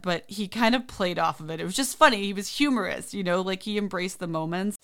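A woman hosting a podcast, telling a personal story in a chatty, animated way and acting out the voices of people she quotes. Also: mid-range voice, smooth. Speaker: podcast host. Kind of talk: casual storytelling.

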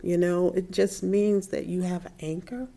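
A middle-aged woman giving a heartfelt personal faith testimony in an interview, soft-spoken and at times dropping to a whisper. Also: on the low side, level tone, moderate pace, gravelly.

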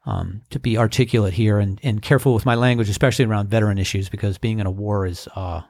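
A middle-aged man hosting his own podcast, talking in a relaxed, reflective, unhurried way with frequent ums and uhs. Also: on the low side, dry recording, studio quality. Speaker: podcast host. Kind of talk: casual solo podcast monologue.

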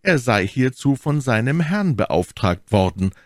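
A man's voice: medium pitch, very animated, unhurried, no echo, studio quality, voice pushed up. A man reading the part of a witty, elegant musketeer poet in a storybook reading, with an arch, lilting delivery. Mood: sly.

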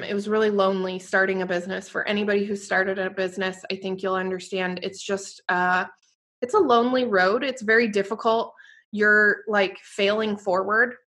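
A woman hosts a heartfelt, casual podcast chat, earnest and effusive in tone. Her voice is bright and forward, with middling pitch. She keeps dropping "like" and the occasional swear word. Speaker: podcast host and fitness business owner.

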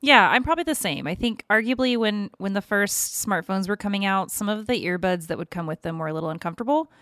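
Female podcast co-host, relaxed and casual, mid pitch, dry sound. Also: fast, no room sound. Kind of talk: casual chat.

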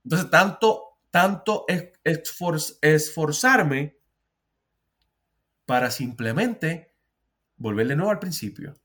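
A man's voice: a little high, animated, takes it slowly, pauses often, a bit bright. A Puerto Rican therapist, a man who talks earnestly in a casual podcast chat, often restarting and repeating words. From Puerto Rico.

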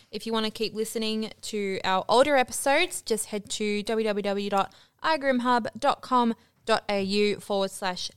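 A woman's voice: fairly high pitch, fairly bright tone, clear, resonant tone, no echo. A woman with an Australian accent hosting a podcast in a casual, chatty introductory style. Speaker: podcast host.

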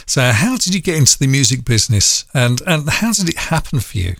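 A man hosting a music podcast, chatting easily with his guest in a relaxed way, with some fillers. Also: medium pitch, a little fast, vocal fry, no echo. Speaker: podcast host and broadcaster. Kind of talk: friendly interview chat.

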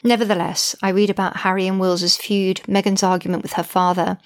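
A woman narrating her own diary-style account as a mother, indignant, wry and exasperated. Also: mid-range voice.

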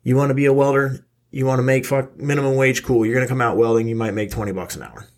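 A man's voice: mid-range voice, steady tone, fast, darkish tone. A middle-aged man hosting his own podcast, ranting angrily and profanely while stoned and worn out. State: stoned, weary. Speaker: podcast host. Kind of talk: casual ranting monologue.

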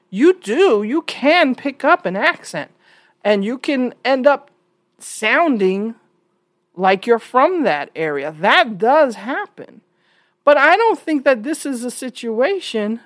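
In studio-quality audio with no echo, a slightly high-voiced woman from New York shares casual opinion commentary online. Her American-accented delivery is emphatic and conversational, with frequent questions.

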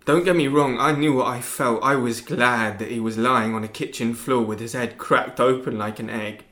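A young man playing a bitter teenage boy accused of killing his father, talking in a sullen, cold and detached way that flares into shouts. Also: medium pitch, fairly even intonation, normal speed, close to an everyday voice. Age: young adult. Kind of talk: stage drama acting.

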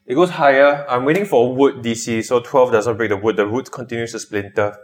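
A man narrating a tabletop game as game master, halting and restarting often and laughing a lot. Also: mid-range voice.

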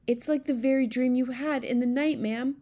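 A woman's voice: high voice, fairly even intonation, normal speed, warm tone, voice pushed up, close to an everyday voice. A woman voicing a middle-aged royal maid in a storybook, deferential, flustered and prone to stammering. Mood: shaken. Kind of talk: storybook character voice.

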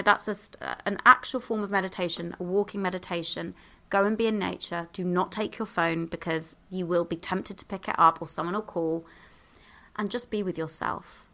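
Bubbly, bright-voiced woman giving advice. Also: medium pitch. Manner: bubbly, exclamatory, chatty with many fillers. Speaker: podcast guest. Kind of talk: casual advice in conversation. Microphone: handheld microphone.

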